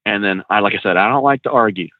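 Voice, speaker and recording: A man's voice: on the low side, quick pace, no echo, narrow, tinny audio. A man who trains truck drivers, telling road stories in a casual, slangy way full of fillers and restarts. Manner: laid-back, slangy, many fillers and restarts. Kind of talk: casual storytelling.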